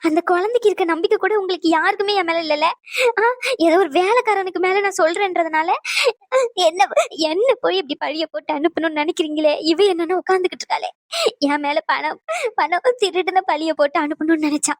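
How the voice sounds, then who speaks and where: A woman's voice: very high voice, brisk, no echo. A woman voicing a scheming elderly grandmother in a cartoon, wheedling and playing the victim, recorded dry. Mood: wailing. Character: scheming elderly grandmother, crafty and self-pitying. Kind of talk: cartoon voice acting.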